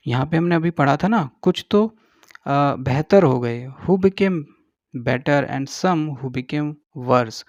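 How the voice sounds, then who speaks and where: A man teaching English in a slow, explanatory lesson, drawing out each English word and checking in with the listener after every point. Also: mid-range voice, darkish tone, dry recording, muffled recording. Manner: slow, drawn-out English words, repeats with "ठीक है".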